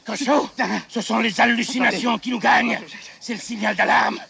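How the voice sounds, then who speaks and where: A man's voice: extremely high pitch, steady tone, moderate pace, gravelly, over a noisy crowd, heavily acted. A man playing a weary, alarmed ageing character in a comedy film, speaking with dramatic urgency.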